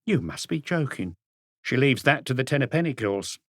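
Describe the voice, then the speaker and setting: Raising his pitch above his own voice to a mid-range, sing-song delivery at normal speed, a male audiobook narrator plays a plump, gossipy middle-aged café owner. She comes across as gossiping and scornful, chattering indignantly. The recording is clean studio sound without any room sound.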